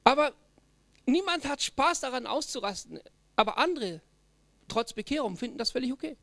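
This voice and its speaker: Gravelly-voiced man preaching a sermon. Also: extremely high pitch, lively intonation, moderate pace, fairly bright tone, no room sound, clean studio sound. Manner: emphatic preaching, frequent tag questions to the congregation. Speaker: pastor.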